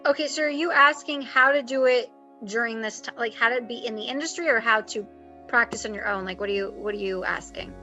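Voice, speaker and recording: A woman's voice: a little high, brisk, sharp tone, soft background music, rough recording. A woman acting coach chatting animatedly on a video call, giving advice with lots of fillers. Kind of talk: casual advice chat. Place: home, with construction noise outside.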